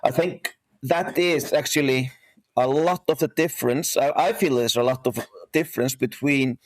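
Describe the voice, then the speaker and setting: A middle-aged man from Iceland, a horse breeder and coach, talking as an interview guest in a halting way with many restarts. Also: mid-range voice, no echo. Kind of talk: casual interview talk.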